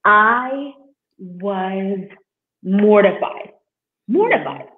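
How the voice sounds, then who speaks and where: A man from Russia, a guest in an interview, talking in an earnest, halting way with many fillers. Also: high-pitched, animated. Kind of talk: interview conversation. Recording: echoey, phone-like call line.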